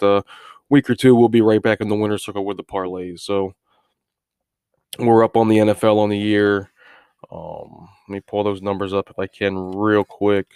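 Halting man who often repeats his words. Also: on the low side, a little mellow, clean tone, dry recording, clean studio sound. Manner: repeats words and restarts phrases; halting, frequent filler words. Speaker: sports betting podcast host. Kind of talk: informal solo recap of betting results.

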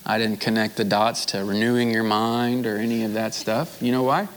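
A pastor preaching a sermon, earnest, reading scripture with rising intensity. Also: male voice, fairly low pitch, fairly even intonation, moderate pace, long reverb tail, a little hiss or hum.

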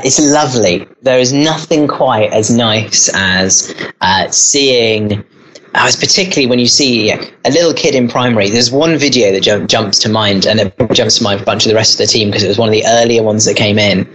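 A man's voice: fairly low pitch, fairly bright tone, a little hiss or hum, poor audio. A man who runs a school, answering interview questions in an earnest, explanatory way with occasional fillers and restarts. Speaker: school leader.

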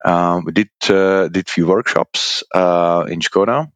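A man, a guest answering interview questions, speaking haltingly with many fillers and restarts. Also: sits low, dry recording. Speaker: guest, procurement department lead.

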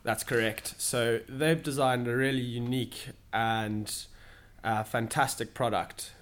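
A young man from Zimbabwe, answering interview questions in a steady, explanatory way, pausing to find his words, in an office. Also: mid-range voice. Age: young adult. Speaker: guest, solar sales manager. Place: office in London.

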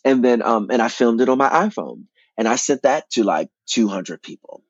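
A man, an actor and playwright, telling his story as an interview guest in an animated way, often repeating words and restarting. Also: mid-range voice, moderate pace, breathy edge, no echo, lo-fi sound.

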